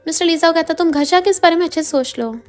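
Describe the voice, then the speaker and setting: A woman narrating a drama plot in a fast, casual recap, voicing each character's lines herself with light shifts. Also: very high voice, a little mellow, soft background music. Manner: quotes every character in her own voice with light shifts.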